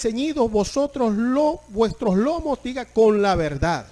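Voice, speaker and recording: A man's voice: high-pitched, darkish tone. A man preaching a sermon, explaining scripture and calling on the congregation to repeat phrases and answer him. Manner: reads scripture slowly, stressing each phrase. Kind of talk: sermon, Bible exposition.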